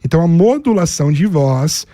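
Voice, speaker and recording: A Brazilian man with a slightly raised, mellow voice lays out his advice in orderly steps and lists. He speaks as a public speaking coach, recorded dry and close. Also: on the high side, lively intonation, a little fast, no echo. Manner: methodical, explains in numbered steps and lists. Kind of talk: didactic interview explanation.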